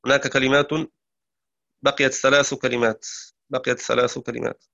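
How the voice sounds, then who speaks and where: A man's voice: medium pitch, flat delivery, vocal fry, sharp tone, highs cut off. Man teaching Quran recitation. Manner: explains quickly, then recites verses slowly and drawn out; corrects his own slips aloud. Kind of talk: tajweed lesson with recited verses.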